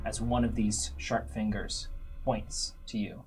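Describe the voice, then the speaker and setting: A man's voice: lowish voice, level tone, slow, faint music behind. A man narrating a tabletop game as its game master.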